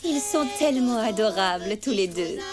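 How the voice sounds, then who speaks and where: A woman playing an expressive, doting mother and aunt in an animated cartoon. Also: medium pitch, normal speed, close to an everyday voice. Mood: sweet, delighted. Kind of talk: French animated cartoon dubbing. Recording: music behind the voice.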